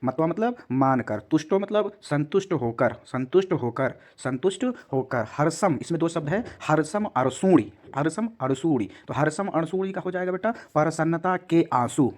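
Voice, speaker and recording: This is a male teacher with a Hindi accent whose voice sits slightly high for a man. He works through a text word by word and repeats every meaning, speaking to his students as "beta" in a lesson-style delivery. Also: animated, normal speed, few pauses. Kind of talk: classroom lesson.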